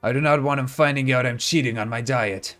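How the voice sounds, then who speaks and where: A man's voice: medium pitch, fairly quick, a bit bright, faint music behind, natural voice. A man voicing a haughty, hungry god of destruction from a video game, pompous and demanding. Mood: imperious. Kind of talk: video game dialogue read aloud.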